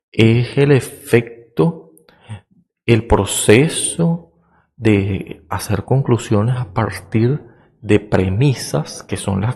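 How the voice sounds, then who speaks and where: A man hosting a podcast talks through a philosophical idea like a patient teacher. He pauses on fillers and keeps checking that listeners follow. His voice sits fairly low and comes out gravelly. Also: mellow. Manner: slow, thoughtful, with many fillers and rhetorical checks; explaining like a teacher. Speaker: podcast host. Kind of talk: reflective philosophical monologue.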